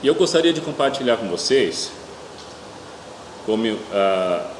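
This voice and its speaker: Brazilian preacher with toothache, echoey hall. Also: male voice, mid-range voice, big pitch swings, unhurried. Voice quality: speech slightly hampered by toothache. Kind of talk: church sermon. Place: indoor church hall with noisy ambience. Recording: echoey reverberant hall, clear room hum.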